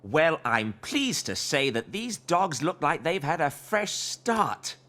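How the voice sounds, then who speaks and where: A solemn pet-care professional for an animated comedy. He is emphatic and self-satisfied, faintly menacing, in a slightly high voice with animated swings. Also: slow, heavily acted. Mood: smug approval.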